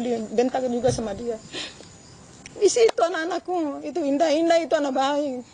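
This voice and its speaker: Older woman, tearful and indignant, very high, warm and gravelly; faint noise. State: crying. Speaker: interviewee. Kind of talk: emotional interview testimony.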